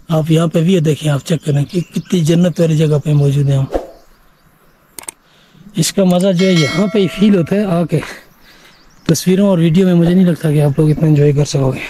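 Guy vlogging a mountain hike outside, high voice but mellow, showing off the views to his viewers. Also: a little hiss or hum. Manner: points out the scenery to viewers as he climbs. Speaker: travel vlogger. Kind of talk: casual commentary while hiking. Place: outdoors on a mountain trail.

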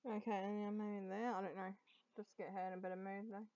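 A young woman giving casual commentary while playing a video game, often breaking into excited, gasping exclamations. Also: medium pitch, fairly quick. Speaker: gaming YouTuber. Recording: dull lo-fi audio with game music. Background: game music.

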